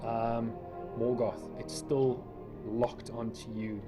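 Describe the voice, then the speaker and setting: A game master at a tabletop session narrates and makes rulings slowly, his medium-pitched voice flat in delivery and his manner casual yet somewhat hesitant. Background music sits under the talk.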